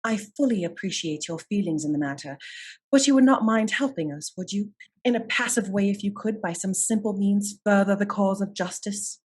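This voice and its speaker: A woman's voice: mid-range voice, normal speed, darkish tone, slightly rough, close to an everyday voice. A woman playing a self-assured aristocratic lady detective in a radio play, formal and articulate. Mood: politely persuasive.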